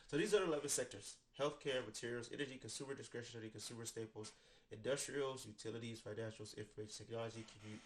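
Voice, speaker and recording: Using a studio microphone at his desk and wearing headphones, an American finance educator with a stuffy nose from a cold explains finance casually to camera, saying "right?" often. His voice is mid-range, with a little hiss or hum.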